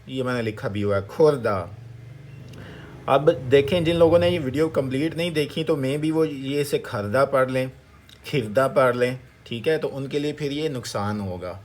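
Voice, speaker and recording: A man teaching a language lesson. He breaks words into syllables slowly and keeps asking viewers what each one becomes. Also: mid-range voice, slight background noise. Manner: slow, repetitive syllable-by-syllable drilling with questions to viewers. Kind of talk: Korean vocabulary lesson in Urdu.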